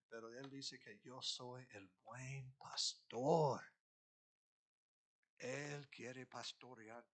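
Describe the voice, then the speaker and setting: Slow, bright-voiced male pastor preaching. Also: medium pitch. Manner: expressive, conversational preaching. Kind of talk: sermon. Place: church sanctuary.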